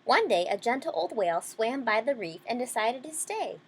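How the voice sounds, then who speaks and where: A woman with a slightly high, husky voice reads a children's picture book aloud at normal speed, sounding very animated. She adds simple explanations along the way for young listeners.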